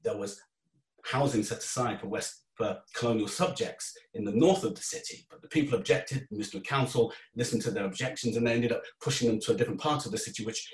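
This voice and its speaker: A man's voice: mid-range voice, fast talker. A man giving an informal, earnest talk, conversational and prone to asides and restarts. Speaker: speaker giving a talk on faith and immigration. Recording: roomy sound from a distant mic.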